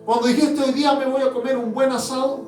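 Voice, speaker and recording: A man preaching a sermon to his congregation, fervent and shifting between loud appeals and hushed asides. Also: extremely high pitch, little pitch movement, fast. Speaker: apostle preaching. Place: church hall. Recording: roomy church sound from a distant mic with faint music.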